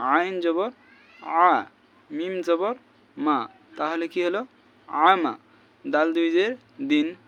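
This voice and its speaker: A man teaching Arabic reading, slowly chanting letter names and vowel marks as a repeating drill. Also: a little high, a bit bright, highs cut off. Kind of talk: slow spelled-out recitation lesson.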